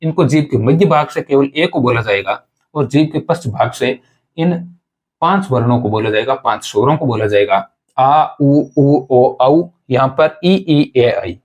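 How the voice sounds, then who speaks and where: A man's voice: mid-range voice, expressive, a little slow, darkish tone. A man with an ordinary mid-range voice teaches an exam-prep grammar lesson. He talks his students through each point and repeats it. He poses a question and answers it himself. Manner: explanatory, repeats and asks rhetorical questions, addresses students as companions.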